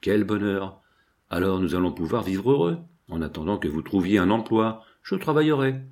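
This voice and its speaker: A man voicing a gentle, devoted young Parisian seamstress, speaking softly and tenderly. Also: sits low, animated, moderate pace.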